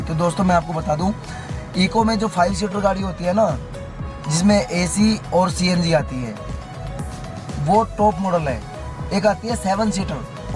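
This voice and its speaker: A hoarse, high-pitched vlogger gives a casual how-to demonstration from inside his car, repeatedly addressing viewers with "friends" and "okay." The audio quality is poor.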